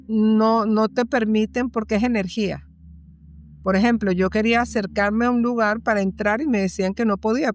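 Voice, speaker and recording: A woman guest in an interview, telling a personal story earnestly and repeating phrases for emphasis. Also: mid-range voice.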